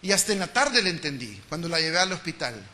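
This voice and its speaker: High, sharp-voiced preacher. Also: male voice, fast. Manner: lively, acts out family dialogues, laughs at his own stories. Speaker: pastor. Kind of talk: sermon. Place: church.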